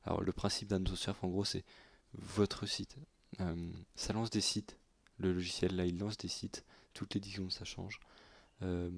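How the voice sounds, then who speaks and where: Man hosting a software tutorial, low gravelly voice, hesitant delivery with fillers, close dry mic. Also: no echo. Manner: halting, many fillers and self-corrections. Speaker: YouTube tutorial host. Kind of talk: screen-recorded software tutorial.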